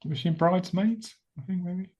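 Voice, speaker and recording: A man's voice: high-pitched, fairly quick, a little mellow, breathy edge. A man co-hosting a podcast, chatting casually and laughing often at himself. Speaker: podcast co-host. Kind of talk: casual chat.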